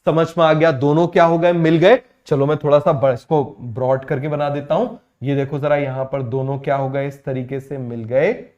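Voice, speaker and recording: A man teaching biology in a quick call-and-response lecture, firing questions at students and repeating each answer himself. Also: medium pitch, level tone, darkish tone, lo-fi sound.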